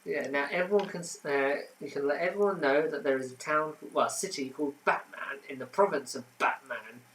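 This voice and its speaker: A man's voice: a little high, a little fast, fairly bright tone, poor audio. Casual guy reading quiz answers at home, fillers everywhere, slight background hiss. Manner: chatty, reads answers then adds trivia with many fillers. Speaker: quiz host.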